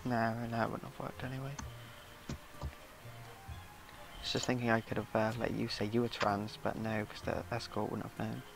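Gravelly young man teasing a gaming buddy. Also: on the low side, normal speed, pauses often, loud music behind the voice. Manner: teasing, laughing, excitable. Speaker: co-player. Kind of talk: casual gaming chat.

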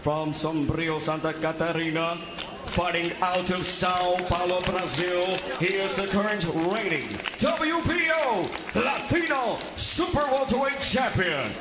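A man working as a boxing ring announcer, formally presenting in a theatrical way with drawn-out, booming introductions. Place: boxing ring in an event venue. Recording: echoing arena PA with loud background noise.

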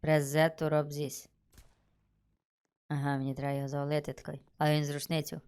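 An excitable man talks his way through a game. His commentary is casual and chatty, and he thinks out loud about each move as he goes. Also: on the high side, quick pace, smooth. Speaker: gaming streamer.

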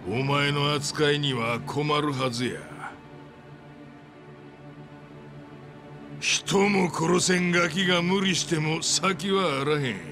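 A mean kansai yakuza boss for a game, slow, gravelly, sneering and bossy, pitch kinda high and all over. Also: male voice, over music. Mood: contemptuous. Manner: mocking, deliberate, bullying. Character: scornful, domineering middle-aged male yakuza boss. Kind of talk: dramatic video game acting.

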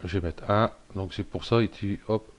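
A man giving a casual software tutorial, thinking aloud with lots of fillers and little self-deprecating asides. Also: fairly low pitch, steady tone, normal speed, lo-fi sound. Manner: rambling, thinks aloud with many fillers and "hop". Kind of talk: casual screen-recorded tutorial.

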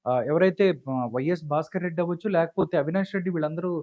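Male interviewer, quick-talking, hesitant fillers, dull lo-fi sound. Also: a little high, fairly even intonation. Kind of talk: interview questioning.

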